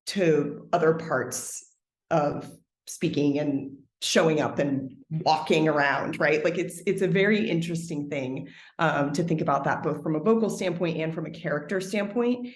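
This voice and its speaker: In a reverberant recording, a woman guesting on a podcast speaks at a measured pace, expanding thoughtfully on her answers in a conversational interview. She uses "like" often, and as a trained singer her speech falls below her singing range.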